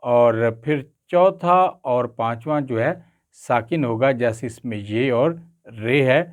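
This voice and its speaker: A man teaching Urdu pronunciation, carefully drawing out each word with frequent pauses. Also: medium pitch, narrow, tinny audio. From Pakistan. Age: older. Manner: careful, drawn-out enunciation with frequent hesitation sounds. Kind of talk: slow, deliberate pronunciation lesson.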